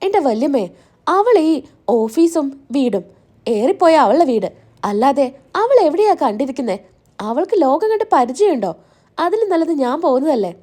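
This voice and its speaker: Woman narrator doing a jealous young woman, high, mellow, mocking, complaining. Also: big pitch swings, normal speed. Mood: scornful.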